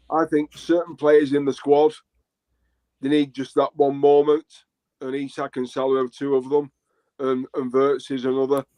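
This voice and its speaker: A man's voice: medium pitch, darkish tone, no echo. A man giving his opinions in a casual football chat, earnest and repeating points for emphasis. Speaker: podcast pundit.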